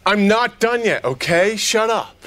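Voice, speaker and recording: A man's voice: sits high, animated, measured pace, a bit bright. An actor playing a pushy, childish, shameless male office boss in sketch comedy, insistent and petulant. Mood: petulant, furious.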